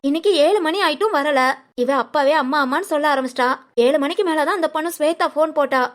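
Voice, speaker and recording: A woman voicing a fussing grandmother who scolds and coaxes in a sing-song way, for an animated family story. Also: high-pitched, quick pace, close to an everyday voice. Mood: chatty. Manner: scolding, coaxing, sing-song village talk.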